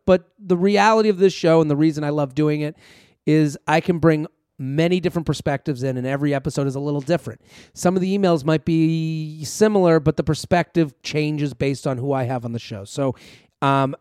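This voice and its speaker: A man's voice: fairly high pitch, a little mellow, clean tone, no room sound, clean studio sound. A man hosting a solo podcast in a casual, rambling monologue, talking straight to his listeners like a comedian. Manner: rambling, conversational, addresses listeners directly.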